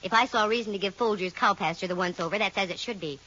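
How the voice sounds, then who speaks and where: A woman playing a brisk, sharp-witted private detective, acting and narrating in the style of 1940s radio. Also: mid-range voice. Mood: blunt, challenging. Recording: muffled vintage radio recording. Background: music.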